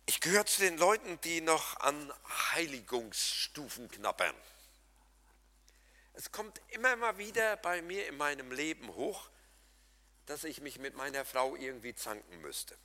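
Bright-voiced male preacher in a reverberant hall. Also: a little high, measured pace. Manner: lively, humorous, addresses congregation directly; swings between loud emphatic and soft quiet passages. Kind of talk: sermon.

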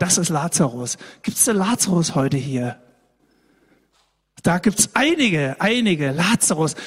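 Husky-voiced lively male preacher. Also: sits high, in a large hall. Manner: lively, conversational preaching, addresses the congregation directly with frequent "ne?". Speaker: pastor. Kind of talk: sermon. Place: church hall.

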